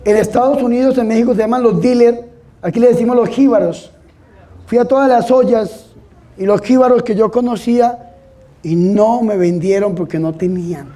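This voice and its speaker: High-voiced Colombian priest giving testimony. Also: male voice, normal speed, dark tone. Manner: emphatic storytelling, repeatedly urging listeners to pay attention. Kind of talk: testimony talk to a live audience. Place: event hall with an audience.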